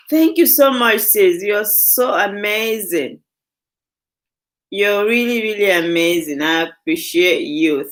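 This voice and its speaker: A woman's voice: on the low side, a bit bright. A young woman hosting a casual live stream, gushing with thanks to her viewers.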